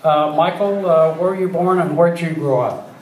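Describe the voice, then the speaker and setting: Male radio host interviewing a band, slightly high pitch, roomy studio sound. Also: normal speed.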